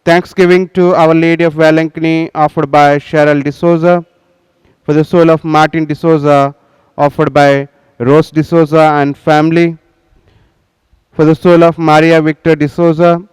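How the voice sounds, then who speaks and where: Priest at a microphone, cathedral reverb. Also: male voice, fairly high pitch, flat delivery, darkish tone, clean tone. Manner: solemn, measured liturgical intoning. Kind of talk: presiding at Mass. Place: large cathedral, indoors. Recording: long reverb of a large cathedral.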